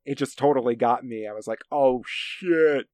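A man co-hosting a casual film discussion from his home, speaking in hesitant, halting phrases with a creaky voice. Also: medium pitch, fairly even intonation, a little mellow, no echo. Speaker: podcast co-host. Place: home basement. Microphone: recorded at his end of an internet call.

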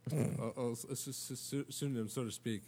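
A man's voice: medium pitch, steady tone, a little fast, very noisy. A man giving a casual interview as a guest author, hesitant and stammering as they restart words. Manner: self-described geek.

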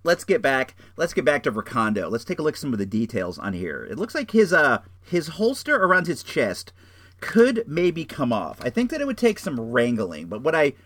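A man's voice: on the high side, huge pitch swings, normal speed, no room sound. A middle-aged man hosting a show with casual, rambling reviews, enthusiastic and slangy, often repeating his phrases. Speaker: show host.

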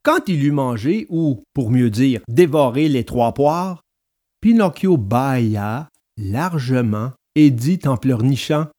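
A man narrating a children's story in an expressive, storytelling manner. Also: medium pitch, slow pace. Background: soft guitar music.

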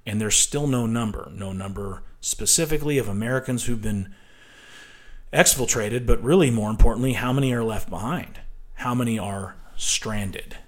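Male host, political commentary monologue; combative, emphatic, lowish voice. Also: normal speed. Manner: emphatic, combative, repeats "right?".

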